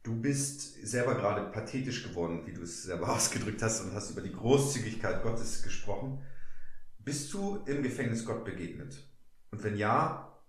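A man hosting a podcast, asking gentle, searching questions with some hesitation. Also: lowish voice, animated, moderate pace, reverberant. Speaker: podcast host.

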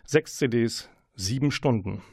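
Lockerer Büchersendungs-Moderator, trockener Klang. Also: male voice, mid-range voice, unhurried, darkish tone, husky, no room sound, clean studio sound. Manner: locker, mit häufigem äh. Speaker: Radiomoderator einer Büchersendung. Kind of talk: Radiomoderation, Buchvorstellung.

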